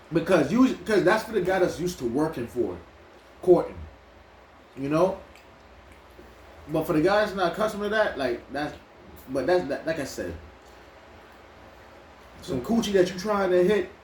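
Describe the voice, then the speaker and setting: A man's voice: a little high, darkish tone. A man from New York co-hosting a mukbang, telling stories in loose slang with many restarts. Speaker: mukbang co-host. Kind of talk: casual chat while eating. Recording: echoey room with faint ambient noise.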